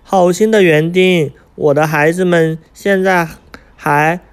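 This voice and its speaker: A man's voice: high-pitched, fairly even intonation, slow pace, clear, resonant tone. A man voicing a desperate mother crow who pleads tearfully for her chicks in a storybook reading. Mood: pleading.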